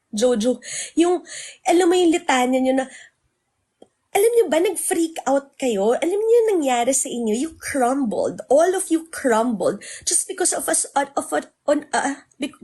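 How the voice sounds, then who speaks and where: A woman's voice: high voice, big pitch swings, measured pace, dark tone. A woman on a livestream, ranting indignantly and very emotionally, switching between Tagalog and English. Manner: self-described very emotional.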